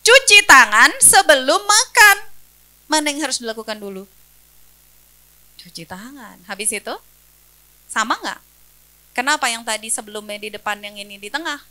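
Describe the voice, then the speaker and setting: Bright-voiced woman explaining to parents. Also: sits high, animated, moderate pace, pauses often. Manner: explanatory, asks rhetorical questions and answers them; lists examples one by one. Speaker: speech-language pathologist. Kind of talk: educational presentation for parents.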